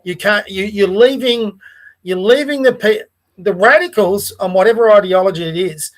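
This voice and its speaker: A podcast host with an Australian accent and a fairly high voice shares his views in a casual political discussion at a moderate pace. He speaks earnestly, restarting phrases and checking in with asides like "right?"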